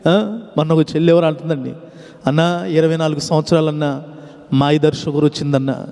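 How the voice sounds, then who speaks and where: Male pastor, fairly high but mellow voice, dramatic sermon storytelling, long hall reverb. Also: fairly even intonation, brisk, creaky. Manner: dramatic storytelling, addresses congregation, voices the characters.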